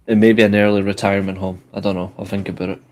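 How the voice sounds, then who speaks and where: Man, twenties, lowish voice, blunt, joking, casual podcast chat. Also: little pitch movement, racing. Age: 20s.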